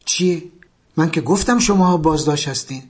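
A man's voice: a little high, husky. A man doing a scornful prison colonel. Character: mocking harsh male prison colonel.

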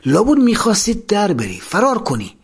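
Gruff grumbly prison guard done by a man reading a story, pitch jumping around a lot. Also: huge pitch swings, full character voice. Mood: grumbling. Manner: grumbling, scolding.

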